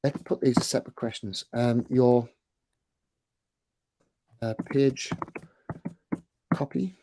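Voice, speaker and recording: A man's voice: mid-range voice, little pitch movement, slow pace, warm tone, no echo. A man, a chatbot developer on a casual live-stream, talking through his work while he types, with loose colloquial asides. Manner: chatty, thinks aloud while typing, colloquial. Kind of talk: casual screen-share chat.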